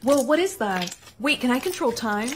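A synthetic woman's voice, set a little high, tells a storytime and speaks every part in a flat machine delivery. A steady hiss sits under the words. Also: normal speed. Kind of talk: text-to-speech storytime narration.

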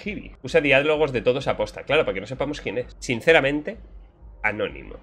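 A man from Spain giving casual, jokey reaction commentary on game lore as a streamer, swearing and shouting when surprised. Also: medium pitch, big pitch swings, fast talker.

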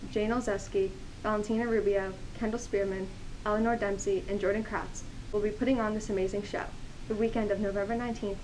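A woman's voice: medium pitch, a little hiss or hum, poor audio. A teenage girl anchoring a student news segment in a school hallway, reading a script upbeat through a mask into a handheld mic. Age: teens. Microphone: handheld mic, masked.

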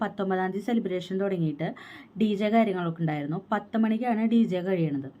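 Fast-talking pregnant young woman vlogger. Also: medium pitch, warm tone, lo-fi sound. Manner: fast, aggrieved storytelling with quoted dialogue. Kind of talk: personal story vlog.

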